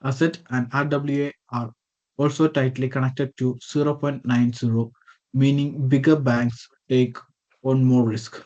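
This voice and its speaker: A man gives a scripted slide presentation over a video call. His voice is dark and mellow. The call audio sounds dull and muffled, and he reads with small slips that he corrects as he goes. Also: mid-range voice, level tone, unhurried. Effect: heard over a video call. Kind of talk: reading a prepared slide presentation.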